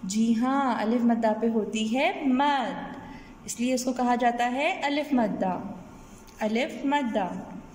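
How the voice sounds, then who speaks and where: A woman's voice: on the high side, takes it slowly, a little mellow, big-room sound, slight background noise. A woman teacher, patiently teaching young children, often asking the class questions and checking they follow.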